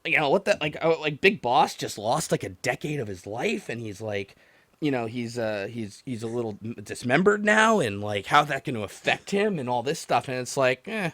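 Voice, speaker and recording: Speaking at normal speed in a mid-range voice, a man hosting a livestream vents casually about a game. He's a podcast and livestream host who takes callers, and here he's exasperated, animated, rambling, and profane, mimicking people in mock quotes, with no room sound on the recording.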